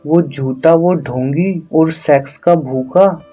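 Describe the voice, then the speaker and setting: A man voicing a predatory, smug film director in a movie recap, in a steady voice. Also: a little high, takes it slowly, soft background music.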